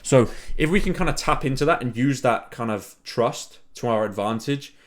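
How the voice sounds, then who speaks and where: A man's voice: mid-range voice, moderate pace. A young man in casual chat as a content creator, rambling with lots of fillers.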